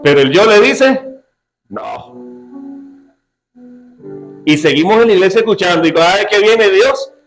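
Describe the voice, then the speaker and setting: A man's voice: sits high, brisk, soft background music, low-quality recording. A man preaching a sermon to a church congregation, joking and often asking the listeners questions. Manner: lively, joking preacher who quizzes his congregation. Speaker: pastor.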